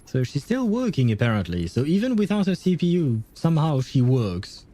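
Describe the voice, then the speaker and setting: A man's voice: a little high, big pitch swings, moderate pace, dark tone. A man giving casual game playthrough commentary, hesitantly thinking aloud as he streams. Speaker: gaming streamer.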